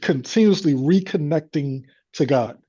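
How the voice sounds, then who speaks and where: A man's voice: a little high, lively intonation, measured pace, mellow, lo-fi sound. A man telling a personal faith story as a guest, in an earnest, devout manner. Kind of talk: personal testimony.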